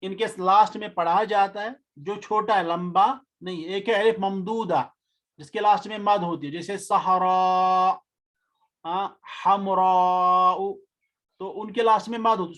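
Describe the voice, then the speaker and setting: A man teaching a grammar lesson in a patient way, saying key terms slowly and more than once. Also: high voice, a bit bright. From India. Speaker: Arabic teacher.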